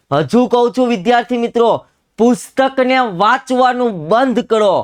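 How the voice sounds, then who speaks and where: A young man with a Gujarati accent giving an energetic exam-prep chemistry lecture, exhorting and scolding students and repeating phrases for emphasis. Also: high-pitched, smooth. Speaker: chemistry teacher.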